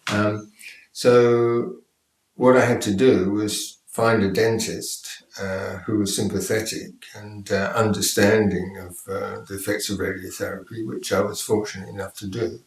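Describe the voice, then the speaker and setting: A man shares a patient's testimony with measured hesitation. His voice sits somewhat low. The recording is echoey and slightly distant from the mic. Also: little pitch movement. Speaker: patient sharing treatment experience. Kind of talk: personal testimony.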